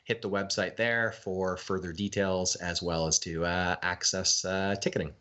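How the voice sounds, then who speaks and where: A man's voice: sits low, flat delivery, normal speed, pushed and bright. A Canadian man speaking as a guest in a casual interview, informal and chatty with hesitant phrasing. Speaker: ghost tour guide, interview guest.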